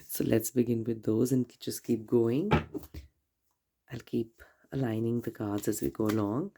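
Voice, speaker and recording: A woman giving a tarot reading straight to the viewer, gentle and reassuring, her voice nasal from a cold and congestion. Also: rumbling low, steady tone, a little slow. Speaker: tarot reader. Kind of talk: casual tarot reading to camera.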